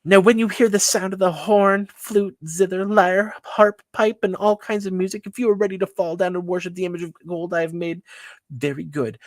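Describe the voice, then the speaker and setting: A man voicing a pompous, ego-driven ancient male king in a high-pitched, boastful and threatening voice, during casual Bible-study storytelling. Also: fairly even intonation, moderate pace, no echo, clean studio sound. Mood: haughty threatening.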